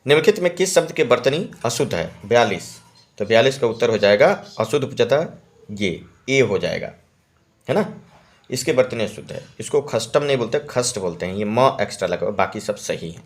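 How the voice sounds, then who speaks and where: A man's voice: lowish voice, lively intonation, fairly quick. Man patiently explaining test answers. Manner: repeats key words and checks with "है ना". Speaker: Hindi exam-prep teacher.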